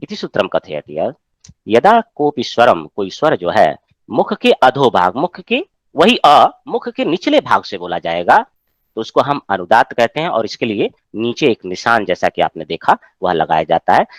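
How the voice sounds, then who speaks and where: जीवंत उतार-चढ़ाव वाली आवाज़ में पढ़ाता पुरुष शिक्षक. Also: male voice, mid-range voice, wildly swooping pitch, normal speed, no echo. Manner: explains patiently, checks with students often. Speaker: Sanskrit teacher. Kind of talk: online class lecture.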